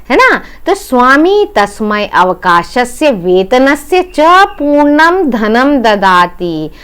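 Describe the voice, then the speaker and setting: A woman's voice: on the high side, clean tone. A woman teacher explaining a Sanskrit lesson in Hindi, going word by word, repeating each meaning and checking in with her students. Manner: addresses students as "बेटा".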